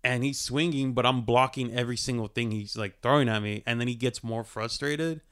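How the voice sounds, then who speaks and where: A laid-back man tells a story in a relaxed podcast chat. His voice is smooth and clear, and he pads his telling with plenty of fillers. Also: mid-range voice, brisk.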